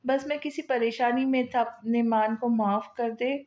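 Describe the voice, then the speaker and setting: A woman reading the lines of a young man who is a tender, devoted lover, in a soft, coaxing way. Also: on the high side, steady tone, moderate pace, lo-fi sound, lightly acted. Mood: doting.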